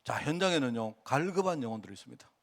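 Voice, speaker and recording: Preaching in a rapid-fire, creaky, mid-range voice, a Gyeongsang-accented male pastor gives a lively, casual sermon, playing out dialogues with the people he describes.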